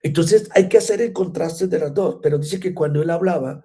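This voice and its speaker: A man's voice: a little high, a little fast, mellow. A man teaching a church class, often checking in with his listeners through rhetorical questions. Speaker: Bible teacher.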